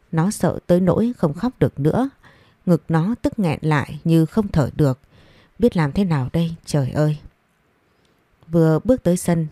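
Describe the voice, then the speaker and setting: A woman's voice: deep voice, warm tone, no echo. A woman reading a story aloud, voicing every character in her own voice. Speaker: story narrator. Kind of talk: audiobook narration with dialogue.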